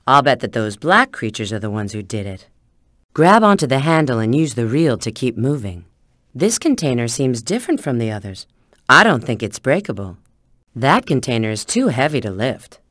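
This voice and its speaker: A confident, sly bat-woman spy from a video game. Her pitch moves in lively swoops as she coyly hands out tips and instructions. The sound is dry, with no room around it. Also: no echo, exaggerated voice. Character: sly, confident adult female bat spy, helpful sidekick. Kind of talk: video game character hint lines.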